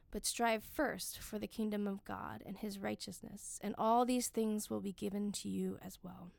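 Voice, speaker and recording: Woman leading prayers, creaky, dry sound. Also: mid-range voice, a little mellow, dry recording. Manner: measured, solemn recitation in short phrases. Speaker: worship leader reading the daily office. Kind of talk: liturgical prayer and scripture reading.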